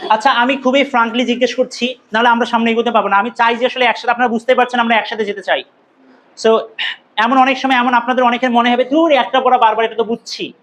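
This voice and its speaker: A man's voice: very high voice, flat delivery, fast, fairly bright tone, low-quality recording. A young man teaching English grammar to a classroom, questioning his students and repeating key points as he goes.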